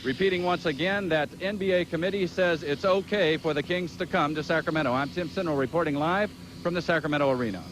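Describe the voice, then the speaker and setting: A man's voice: on the high side, fast, a bit bright, poor audio. A man delivering a live television news report on location outdoors. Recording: outdoor traffic and ambient noise.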